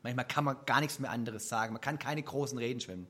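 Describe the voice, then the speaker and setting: A man preaching a sermon to a congregation in an earnest, lively way, softening his voice for quoted prayers. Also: mid-range voice, fast talker. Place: church service.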